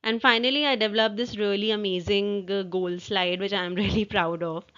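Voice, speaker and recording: Woman in dull lo-fi audio, halting presentation. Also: medium pitch, fairly even intonation, a bit bright. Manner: halting, with repeated false starts. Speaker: presenter walking through own work assignment. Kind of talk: informal slide walkthrough.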